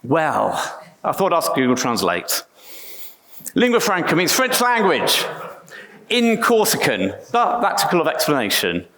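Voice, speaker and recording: A man's voice: a little high, huge pitch swings, measured pace, fairly bright tone. A middle-aged English man giving a conference talk on stage, chatty and self-deprecating, with frequent restarts. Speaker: conference speaker.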